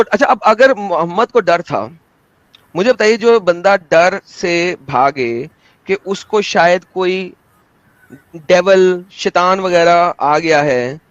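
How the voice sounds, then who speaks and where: Theatrical high-voiced man on a debate call. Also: lively intonation, measured pace, no room sound. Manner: theatrical, emphatic, combative. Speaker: debate host. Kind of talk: live online debate. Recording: dull lo-fi dry sound.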